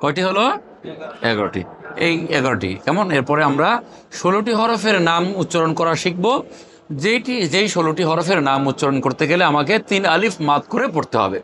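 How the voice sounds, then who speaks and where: A man with a fairly high voice teaches a class how to pronounce Arabic letters for Quran recitation. He keeps asking short questions and has the students repeat each letter name after him. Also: sing-song, fairly quick, fairly bright tone, slight background noise. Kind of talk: classroom lesson with call-and-response drills.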